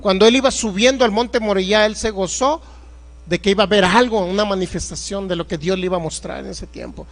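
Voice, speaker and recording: A man's voice: high voice, brisk. A man preaching a sermon as pastor, emphatic and confrontational, firing rhetorical questions at the congregation.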